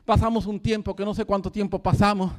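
A man's voice: sits high, flat delivery, fast. A man preaching a sermon, telling a story with fervent energy and breaking into laughter. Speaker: pastor.

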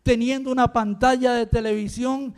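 An older man from Rica, preaching an impassioned sermon that swings between quiet talk and shouting. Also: very high voice, fairly even intonation, normal speed, clear, resonant tone. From Costa Rica.

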